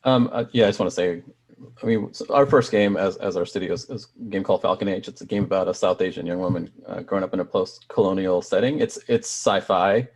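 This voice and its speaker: Man from Sri Lanka, low voice, soft-spoken game developer on a panel. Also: fast talker. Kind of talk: panel discussion.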